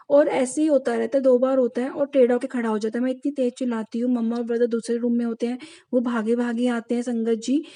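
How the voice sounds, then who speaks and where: A young woman tells her devotional story to the congregation in a high, mellow voice. Her pitch stays fairly even, never rising or falling much. She speaks earnestly and keeps turning to address her listeners directly. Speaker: devotee sharing a testimony. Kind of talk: personal devotional testimony.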